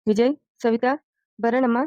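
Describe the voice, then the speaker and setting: A stern family father, played by a woman, scolds impatiently in a fairly high, flat voice. The cartoon audio sounds dull and dry. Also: moderate pace, no echo, lightly acted. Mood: scolding.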